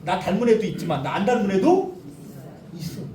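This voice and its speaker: Middle-aged male lecturer, high and very animated, playful with the room, distant hall mic. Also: a little fast. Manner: animated, jokey, asks audience questions. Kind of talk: lively family-education lecture. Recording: echoey hall, distant mic, faint noise.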